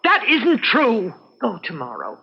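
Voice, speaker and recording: High, frantic wife in old radio drama. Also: female voice, huge pitch swings, measured pace, gravelly, breathy edge, dull audio, exaggerated voice. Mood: desperate pleading. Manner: urgent, dramatic, breathless pleading. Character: frantic, pleading wife haunted by a premonition dream. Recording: noisy, band-limited old radio recording.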